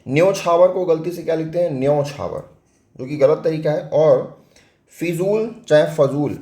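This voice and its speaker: A man with a Hindi accent teaching an exam-prep spelling lesson, his voice sitting a little high yet mellow. He walks through each word step by step, posing questions and answering them himself. The sound carries a roomy echo. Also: moderate pace. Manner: explains step by step, asks and answers own questions.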